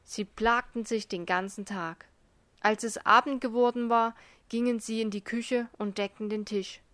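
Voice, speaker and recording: A woman reads her own blog story aloud in a slightly raised voice, lively as she voices the characters. The sound is close and dry, with no room around it. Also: on the high side, normal speed, dry recording. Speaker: blogger reading her own article.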